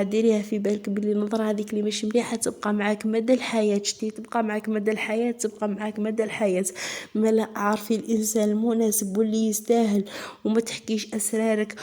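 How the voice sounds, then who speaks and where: A woman's voice: medium pitch, mellow. A woman giving earnest, repetitive advice to young women, often stopping to ask whether they understand. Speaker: advice vlogger.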